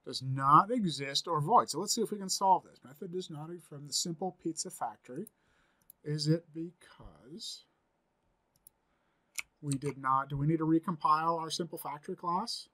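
Bright-voiced man teaching code. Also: a little high, normal speed. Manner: thinks aloud while typing, upbeat and chatty. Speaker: programming instructor. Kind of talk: screen-recorded coding tutorial. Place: home office, indoors.

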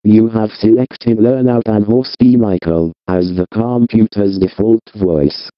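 A synthetic text-to-speech voice of a British man, speaking in a flat, monotone computer delivery. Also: fairly low pitch, unhurried, clean tone, dry recording. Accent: British English. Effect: robotic text-to-speech voice. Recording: dull, dry lo-fi computer audio.

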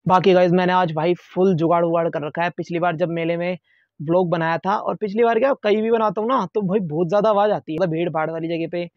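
A man's voice: high-pitched, fairly even intonation, fast talker, dry recording, muffled recording. A young man chatting casually to his viewers in a vlog, playful and talkative, speaking into a wired lapel mic clipped under his shirt. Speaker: vlogger. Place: outdoors near a lane. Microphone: wired lapel mic under t-shirt to phone.

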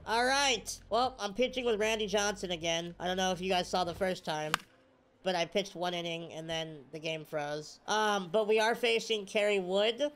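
A young male streamer with a high-pitched, congested voice gives casual gameplay commentary at a moderate pace, coughing slightly now and then. He's excitable, yelling at the game and tossing out slangy "bro"s. His headset mic picks up a little hiss or hum.

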